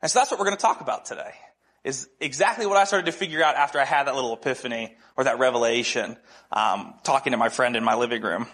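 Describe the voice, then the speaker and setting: A young man preaching a sermon, telling a personal story with animated, acted-out dialogue before reading scripture. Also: mid-range voice, fast talker, husky. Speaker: lay preacher.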